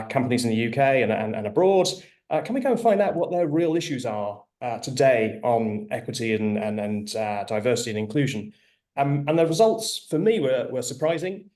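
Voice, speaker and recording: A man moderating an online panel informally, with a halting delivery full of fillers. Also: mid-range voice, a little mellow. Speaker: webinar moderator.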